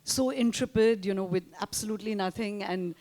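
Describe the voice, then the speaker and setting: A woman's voice: medium pitch, brisk, a little mellow. A woman, conducting a conversational live interview.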